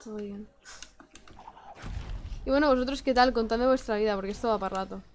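A young woman from Spain, speaking Spain Spanish in a slightly high, brisk voice, comments on her own gameplay as a streamer in a casual let's play. She's self-mocking and exasperated, laughing and bursting out often, with faint music in the background.

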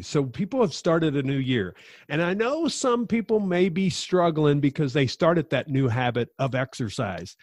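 An upbeat male podcast host with a fairly high voice and an enthusiastic, motivating way of talking. His sound is close and dry, with no room around it. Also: darkish tone, dry recording. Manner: enthusiastic, pep-talk delivery. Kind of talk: podcast interview.

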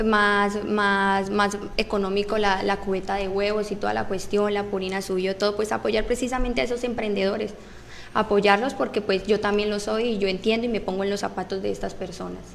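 A Colombian council candidate in her 20s answers interview questions at a desk mic in a small radio studio, earnest, formal and prepared. Her medium-pitched voice is flat, creaky and fairly quick, with a little hiss or hum.

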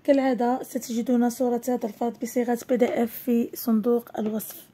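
A woman teaching a primary school Arabic lesson, stretching words slowly syllable by syllable for young pupils. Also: fairly high pitch, level tone, warm tone. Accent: Moroccan Arabic.

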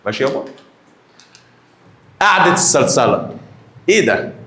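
Young Egyptian-accented male math teacher, teasing classroom banter, mid-pitched, echoey room. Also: sing-song, moderate pace, sharp tone. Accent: Egyptian Arabic. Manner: teasing, addresses students directly. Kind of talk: lively classroom lesson.

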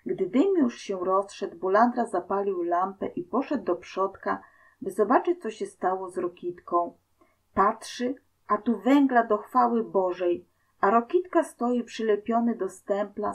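A woman narrating a folk tale aloud at an unhurried, slow pace. Her delivery is expressive and vivid. Her voice sits at an ordinary middle pitch. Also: poor audio. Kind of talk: storybook reading.

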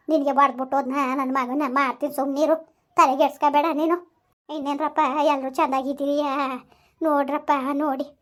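A woman's voice: sits high, close to an everyday voice. A woman playing a coaxing village mother-in-law. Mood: indignant. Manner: coaxing, repetitive, forceful when threatening her son. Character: scolding but caring village mother-in-law. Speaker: mother-in-law in a family skit, also addresses viewers. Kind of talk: village family drama acting.

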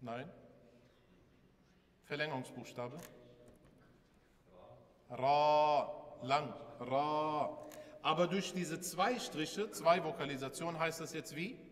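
A man's voice: a little high, unhurried, pauses often, fairly bright tone, in a large hall. A man teaching a class, patiently asking questions and repeating points. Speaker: Arabic alphabet teacher. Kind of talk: classroom lesson with questions to students.

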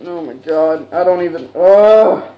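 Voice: mid-range voice, lively intonation, unhurried, highs cut off. A young adult vlogger speaking through a hand over the mouth, groaning with disgust in casual chat on camera. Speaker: vlogger doing a taste challenge.

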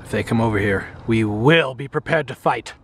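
A man's voice: medium pitch, moderate pace, noisy background. A young man vlogging outdoors by a lake, narrating in a playful, mock-dramatic pirate manner.

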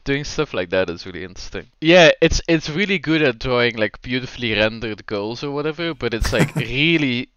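A man's voice: mid-range voice, lively intonation, a little fast, hardly any pauses, fairly bright tone, smooth, dry recording, dull audio. A young man co-hosting a podcast in casual chat, talking freely with lots of "like" fillers and easy laughs. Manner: chatty, laughs easily, frequent "like" fillers. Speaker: podcast co-host, game developer.

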